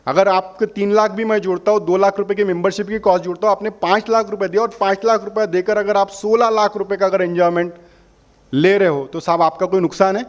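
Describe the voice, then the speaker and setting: Male sales rep, high-pitched, persuasive explainer who answers his own questions, lo-fi sound. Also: fairly even intonation, brisk. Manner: persuasive, asks questions and answers them himself. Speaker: holiday membership company representative.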